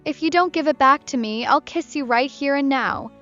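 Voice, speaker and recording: A woman's voice: sits high, moderate pace, pitched above the performer's own voice. A woman voicing a talkative, heartbroken young woman camper who is tipsy and bitter. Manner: bright, chatty, bitter. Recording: muffled with soft music behind.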